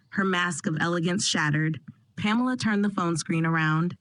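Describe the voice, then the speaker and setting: A woman's voice: lowish voice, no echo, poor audio. Woman narrating a dramatic story. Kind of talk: scripted first-person story narration.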